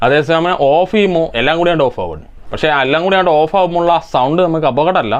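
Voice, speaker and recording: A man's voice: fairly high pitch, lively intonation, quick pace, dull audio. A man from India hosting an electronics repair channel, answering viewer comments with methodical step-by-step technical explanations.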